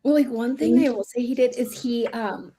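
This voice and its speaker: A woman's voice: fairly high pitch, moderate pace, dark tone, a little hiss or hum. A woman in her thirties, hosting a casual chat and telling family stories, full of "like" fillers. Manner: chatty storyteller, many "like" fillers. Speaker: host.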